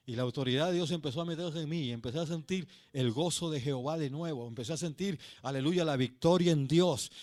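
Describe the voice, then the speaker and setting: A male pastor preaching a sermon. He tells a story with passion, swinging between loud and hushed, and calls his listeners brother. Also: fairly high pitch, no room sound.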